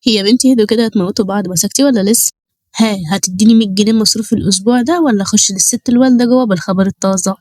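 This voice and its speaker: A woman's voice: mid-range voice, very fast, darkish tone, dry recording, studio quality, close to an everyday voice. A woman voicing a cheeky, teasing younger brother with an Egyptian accent. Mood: mocking. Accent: Egyptian Arabic. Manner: mocking, cheeky.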